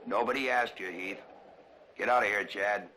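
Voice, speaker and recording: An actor playing a stubborn, rough frontier father with gruff, rustic speech in a 1960s TV western. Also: fairly low pitch, moderate pace, bright, forceful tone, slight background noise, low-quality recording. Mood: bitter.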